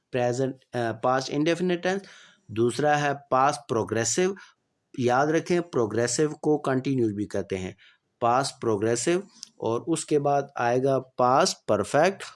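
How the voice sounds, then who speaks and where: A native Urdu-speaking man teaching English past tenses, reading the English examples slowly and clearly. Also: medium pitch. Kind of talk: explaining grammar lesson.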